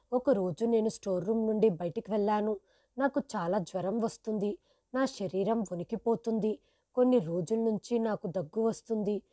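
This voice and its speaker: A woman narrating, in the first person, a sad family story as an old father, in a steady, sorrowful storytelling manner. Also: mid-range voice, dry recording, studio quality.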